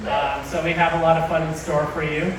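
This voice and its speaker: A man giving an informal wedding toast as the groom, speaking haltingly to his guests. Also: a little high, level tone. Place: large reverberant venue with guests. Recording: echoey hall from far off, noisy crowd.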